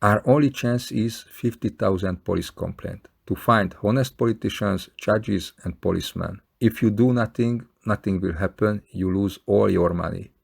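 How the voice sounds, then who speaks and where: Male video maker, Hungarian accent, lowish gravelly voice, earnest and plain-spoken direct appeal. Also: normal speed, few pauses. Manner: earnest, plain-spoken, non-native phrasing. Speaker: video maker appealing to fellow scam victims. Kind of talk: scripted appeal to camera.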